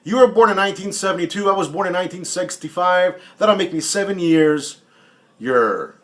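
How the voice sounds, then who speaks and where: At normal speed and with a high, somewhat bright voice, this man in his late forties runs a YouTube watch channel. Responding to another vlogger's questions, he's blunt, casual, taunting and full of profanity, repeating points for emphasis.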